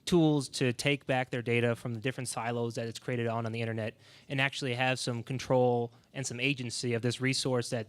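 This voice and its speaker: Smooth-voiced man, dry close sound. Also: mid-range voice, a bit bright, no room sound. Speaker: panelist, tech co-founder. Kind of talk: panel self-introduction.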